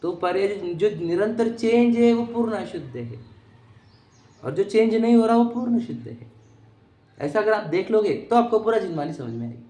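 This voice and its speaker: A man's voice: high voice, sing-song, normal speed, dark tone. A man giving an explanatory religious lecture on philosophy, often asking his listeners whether they follow. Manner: keeps checking that listeners follow. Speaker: teacher of Jain philosophy. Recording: echoey room.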